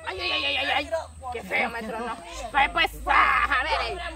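A woman's voice: high voice, a little slow, vocal fry, a crowd in the background. A woman taking part in an outdoor party game, shrieking out exclamations. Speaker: game player.

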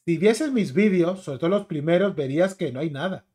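A man's voice: fairly high pitch, animated, fairly quick, dark tone. Man ranting angrily in Spain Spanish. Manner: combative, mocking and insulting. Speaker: YouTube commentator. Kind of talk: ranting commentary video.

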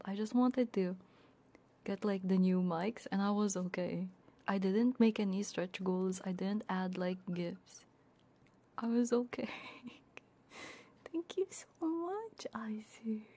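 A woman livestreamer with a gravelly, medium-pitched voice chats slowly and casually with her viewers. She's giggly and bantering, often drifting into soft ASMR whispers.

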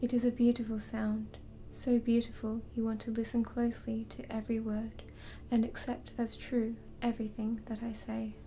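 Woman hypnotist, slow dark mellow voice, flat and steady, bits whispered, faint hiss behind. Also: fairly high pitch. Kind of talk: hypnosis induction, ASMR-like.

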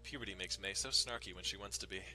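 A young man with a low voice reads a visual novel in dramatic fashion, music playing behind him, and adds irreverent, casual asides. He speaks fast with a bright, forceful tone.

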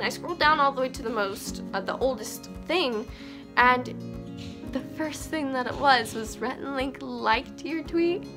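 A young woman telling an excited story-time vlog as a small YouTuber, gushing and breathless with excitement. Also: high-pitched.

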